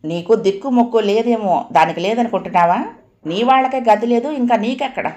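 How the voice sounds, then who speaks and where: A woman plays an angry young husband in an audiobook story, harsh and sarcastic, raising his voice as he speaks. The figure stays loud and biting throughout. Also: medium pitch, a little fast, roomy sound, lightly acted.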